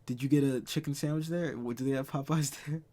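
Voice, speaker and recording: A man's voice: mid-range voice, fairly even intonation, fast talker, mellow. A man in his twenties hosting a casual chat, ranting and swearing freely. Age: 20s. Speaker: podcast host.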